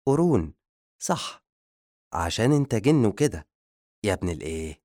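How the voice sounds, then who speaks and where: A man with an Egyptian accent voicing a dim-witted male assistant who cracks quick jokes. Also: on the low side, sing-song, mellow, no room sound, clean studio sound. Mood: wisecracking. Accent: Egyptian Arabic.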